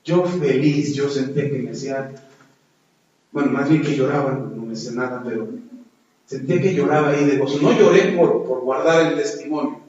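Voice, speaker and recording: A man's voice: medium pitch, normal speed, a little mellow. A man, a pastor, telling a testimony in a sermon and acting out the dialogue. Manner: storytelling, acts out dialogue. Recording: very echoey, distant, dull sound.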